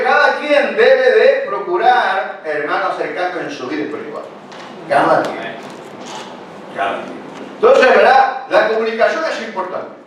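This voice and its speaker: A man's voice: sits high, fairly bright tone. Older male pastor, chatty sermon full of questions; distant mic in a very reverberant hall with faint background noise. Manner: conversational preaching with frequent rhetorical questions. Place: church hall. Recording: very echoey church hall, picked up from a distance.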